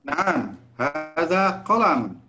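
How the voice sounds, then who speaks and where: A man, a student giving slow, careful answers to his teacher in an online class. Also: fairly high pitch, big pitch swings, pushed and bright, soft background music.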